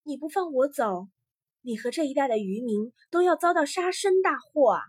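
A woman voicing a gentle, tearful young sea maiden in a told folktale, speaking softly and pleadingly. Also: high voice, lively intonation, moderate pace, no echo, studio quality, pitched above the performer's own voice. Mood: urgent.

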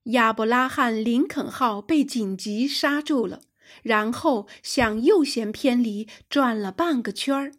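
A woman's voice: a little high, unhurried. A woman narrating a sci-fi adventure audiobook for young listeners, telling it expressively. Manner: expressive storytelling.

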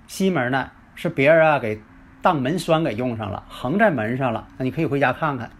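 A man voicing a patient old fortune-telling master in a story, speaking calmly and instructively. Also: mid-range voice, a little fast.

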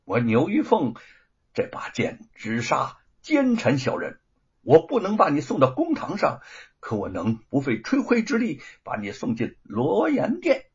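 A man voicing a calm, commanding young swordswoman in a told story, coolly threatening. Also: on the high side, unhurried, husky, lo-fi sound, heavily acted. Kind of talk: storybook character voice.

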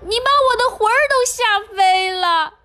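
A woman reading a storybook aloud, voicing a tiny, easily startled old woman with high squeaky cries. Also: moderate pace, fairly bright tone, faint music behind.

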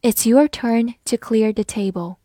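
A woman teaching English vocabulary in a slow, clear lesson, spelling each word out letter by letter. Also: fairly high pitch, mellow, dry recording, studio quality.

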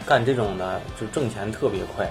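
A man's voice: on the low side, fairly quick. Casual male host over prominent music. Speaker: host asking questions. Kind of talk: casual chat. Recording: prominent instrumental music behind. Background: instrumental music.

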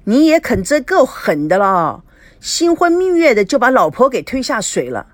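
A woman's voice: a little high, sing-song, moderate pace, no room sound. A know-it-all woman in the crowd needles her target with smug, insinuating remarks, her voice rising and falling freely, as the narrator plays her. The sound is dry and close.

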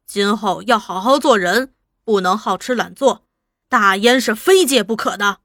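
A woman voicing a calm, earnest man who leads a village, speaking gently in a storybook reading. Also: medium pitch, measured pace, no room sound, clean studio sound.

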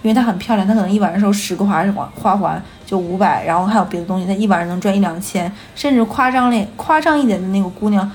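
Fast-talking woman podcast co-host. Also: medium pitch. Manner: lively storyteller who acts out quoted dialogue and laughs often. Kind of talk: casual chat. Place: radio studio.

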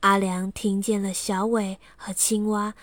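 A woman narrating a children's bedtime story slowly and softly. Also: mid-range voice, level tone, no echo. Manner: slow and soft.

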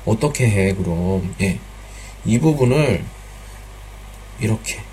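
A man's voice: on the low side, animated, slow pace, a little mellow, a little hiss or hum. A man teaching pronunciation in a live online class, patiently repeating drill sounds and mixing in some Chinese words.

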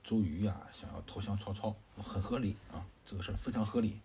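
A man voicing a sly adult male strategist who persuades smoothly in a plain, conversational storytelling voice. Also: fairly low pitch, fairly quick, mellow, slight background noise.

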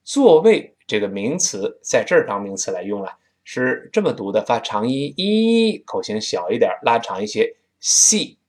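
A man from Tianjin with a Tianjin accent, teaching spoken English in a chatty style and drawing out words slowly to demonstrate them. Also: mid-range voice. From Tianjin, China. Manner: drawn-out slow demonstrations of words; lively and chatty.

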